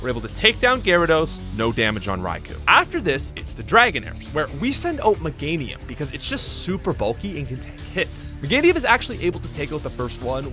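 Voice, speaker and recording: A young man narrating his gameplay run as a gaming video host, upbeat and chatty over faint music. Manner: upbeat, chatty, lively swings in pitch. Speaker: gaming YouTuber. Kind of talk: energetic game commentary voice-over. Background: faint background music.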